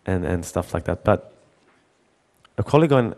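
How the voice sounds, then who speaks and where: A man's voice: low voice, expressive, moderate pace, darkish tone. A middle-aged man giving a conference talk, telling a story with many restarts and repeated words and acting out the dialogue. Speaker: conference speaker.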